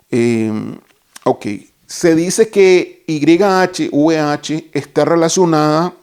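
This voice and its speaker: Slow, deliberate male Bible teacher. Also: medium pitch, darkish tone. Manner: deliberate, explains term by term, corrects himself. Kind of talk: explanatory Bible lesson.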